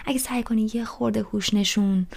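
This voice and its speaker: A woman voicing a restless teenage boy who rants loudly about everything in an audiobook reading. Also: medium pitch, steady tone, gravelly. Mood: exasperated. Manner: loud, rushed, ranting complaints.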